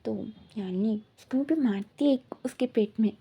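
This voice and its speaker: Chatty woman retelling fan fiction, husky voice. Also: a little high, moderate pace, lo-fi sound. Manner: loose, chatty, full of fillers. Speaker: storyteller.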